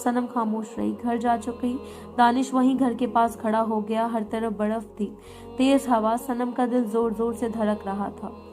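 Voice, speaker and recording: A woman narrating an emotional love story in a soft storytelling manner, speaking the lovers' lines herself. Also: fairly high pitch, level tone, unhurried, soft background music.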